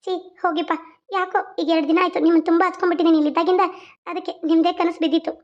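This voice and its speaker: A woman voicing a shy, sweet young woman in love who speaks softly. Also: extremely high pitch, level tone, very fast, highs cut off. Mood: bashful. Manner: bashful, soft.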